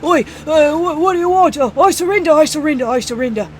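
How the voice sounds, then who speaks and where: A woman's voice: mid-range voice, moderate pace, dark tone, a little hiss or hum, lightly acted. A woman voicing a panicky tall male human shopkeeper who stammers and pleads. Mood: panicked.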